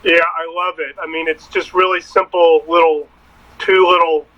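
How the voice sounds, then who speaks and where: A man with a bright, slightly high voice talks casually as a learner, asking and confirming. The recording is dull and lo-fi. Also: level tone, normal speed. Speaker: boat owner being taught. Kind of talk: casual question-and-answer chat. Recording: dull, muffled lo-fi sound.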